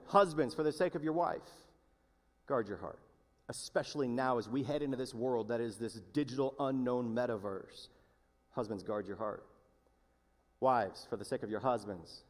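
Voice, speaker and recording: A male pastor preaching a sermon, swinging between hushed, slow lines and loud, yelled appeals. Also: on the high side. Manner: impassioned, shifts from hushed to yelling. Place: large church hall. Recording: long reverb of a church hall.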